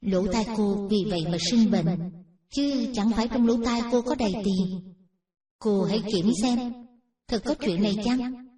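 A woman narrating a Buddhist teaching story in a measured, plain storytelling manner. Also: mid-range voice, dark tone. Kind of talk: read Buddhist dharma story. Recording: roomy echo, distant from mic.

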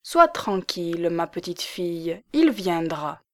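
A woman's voice: fairly low pitch, animated, a little slow. A woman voicing a plain middle-aged spinster cousin who makes dry, knowing remarks. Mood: wry.

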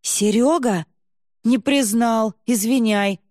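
A woman voicing a gruff, wary man who talks bluntly. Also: on the high side, slow pace, a little mellow, no room sound, clean studio sound, pitched above the performer's own voice.

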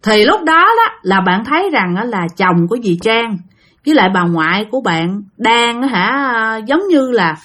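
A woman's voice: on the high side, a bit bright. A woman telling ghost stories in a chatty, vivid way, addressing her listeners directly. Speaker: storyteller. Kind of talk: casual spooky storytelling narration.

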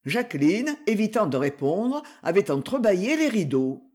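A reader narrating a literary story as an audiobook, slow and expressive. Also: mid-range voice.

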